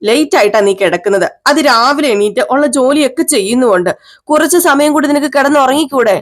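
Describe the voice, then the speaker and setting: A woman's voice: high-pitched, lively intonation, fast talker, voice pushed up. A woman voicing a caring young husband who coaxes his wife fondly and scolds her in mock sternness.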